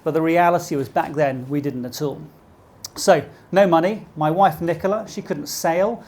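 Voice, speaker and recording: Speaking live at an event, a middle-aged man with a posh British accent gives a motivational business keynote and poses rhetorical questions to the crowd. His voice is fairly high and darkish in tone, and he talks at a moderate pace.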